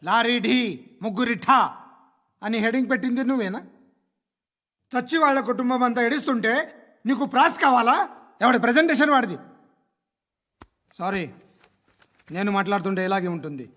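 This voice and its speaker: A mocking, lecturing man needles reporters with biting sarcasm. His voice sits fairly high for a man. It is film dialogue. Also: a little fast, long pauses, sharp tone. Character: sardonic man lecturing journalists.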